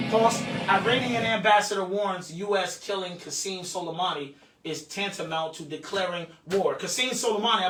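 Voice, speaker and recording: A man's voice: high voice, fairly bright tone, slight background noise. A man leading a classroom Bible lesson, cutting in with jokes and telling the reader to go on. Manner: joking asides, directs the reader, repeats verses. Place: echoey classroom. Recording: echoey room, distant mic.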